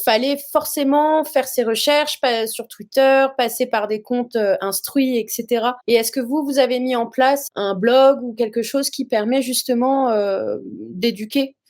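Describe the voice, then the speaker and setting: A woman's voice: on the high side, a little slow, hardly any pauses, darkish tone. A woman hosting an interview, asking long, winding questions in a casual chat. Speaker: interview host.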